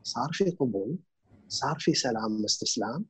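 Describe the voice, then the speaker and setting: A man with a Gulf Arabic accent calmly explains emotions and grief, mixing in English words. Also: mid-range voice, fairly quick, husky. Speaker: guest speaker on grief and emotions. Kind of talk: reflective conversational explanation.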